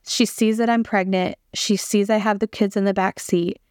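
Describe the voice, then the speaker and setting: A woman's voice: medium pitch, steady tone, normal speed, a little mellow, no room sound, studio quality. Earnest woman telling a faith story. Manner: earnest, conversational, speaks straight to listeners. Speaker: podcast host sharing a testimony. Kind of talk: personal faith testimony storytelling.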